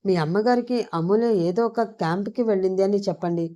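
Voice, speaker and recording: A woman's voice: medium pitch, fast, mellow, close to an everyday voice. A woman voicing a possessive young man who speaks in an irritated, insistent way.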